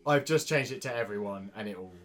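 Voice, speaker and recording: A man's voice: fairly low pitch, fast talker. A man running a tabletop role-playing game as game master, chatting casually with lots of fillers. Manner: relaxed, lots of "like" and "yeah".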